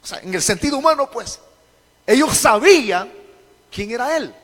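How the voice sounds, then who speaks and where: A man preaching a sermon into a handheld microphone in a church hall, going from quiet explanation to shouted climaxes. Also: extremely high pitch, expressive, normal speed.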